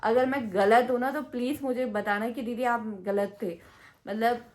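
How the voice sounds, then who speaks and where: A woman vlogger with a slightly high voice, telling a story to her viewers in a chatty, indignant way. Her Hindi carries a hill-village Garhwali touch, and her talk is full of fillers and restarts. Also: fairly even intonation, measured pace, darkish tone. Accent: Hindi with Garhwali hill-village roots. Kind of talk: casual vlog storytelling.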